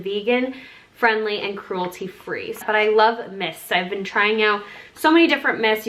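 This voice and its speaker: A woman's voice: medium pitch, fairly bright tone. A young woman who grew up in Singapore, chatting in a bubbly, gushing way as she unboxes skincare products for her channel. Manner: bubbly, chatty, lots of "like" and "oh my God". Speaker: beauty YouTuber. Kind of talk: sponsored skincare unboxing vlog.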